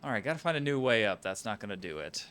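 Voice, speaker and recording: A man's voice: fairly low pitch, big pitch swings, quick pace, fairly bright tone, smooth. A man giving casual let's-play commentary, muttering wry reactions as he plays a video game.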